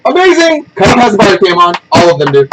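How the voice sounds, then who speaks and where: A man's voice: high-pitched, fast, a little hiss or hum, poor audio. A man hosting a casual podcast chat, blunt and opinionated, telling stories animatedly and acting out the people in them. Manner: animated storyteller who acts out quoted people. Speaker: podcast host.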